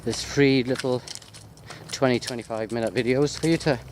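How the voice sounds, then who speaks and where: A university lecturer from the United Kingdom speaks in a mid-range, steady voice at a moderate pace. Filming a spontaneous walking chat through botanical gardens on a handheld wide-angle sports camera, he rambles, jokes and gets easily distracted, while outdoor ambient noise from the walk fills the background.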